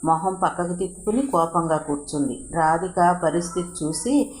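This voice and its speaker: A woman narrating a novel in a steady, expressive storytelling reading. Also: lowish voice, moderate pace, faint music behind. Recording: roomy echo.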